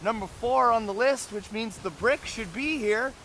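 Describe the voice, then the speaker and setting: A man's voice: extremely high pitch, normal speed, sharp tone, a little hiss or hum. A middle-aged man hosting a casual home-renovation vlog, upbeat and chatty, talking to viewers at home and outdoors by a lake in winter. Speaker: vlogger.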